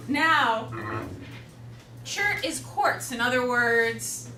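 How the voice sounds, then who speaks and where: Her voice is a little high, animated and bright, with a forceful tone and drawn-out words. She's a woman with a Chicago accent giving a classroom lecture, joking around and chatting with lots of fillers. The audio comes from far away in a roomy, noisy classroom.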